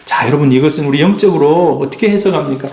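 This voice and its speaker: A South Korean man preaches as a pastor in a church sanctuary, emphatic and firing rhetorical questions at his congregation. His voice is a little high, fast, gravelly, and slightly mellow, and the recording has the echo of a church hall.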